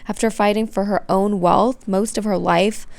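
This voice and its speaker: A woman's voice: medium pitch, steady tone, moderate pace, vocal fry, no room sound. A woman reading scripted narration for a news documentary as the reporter.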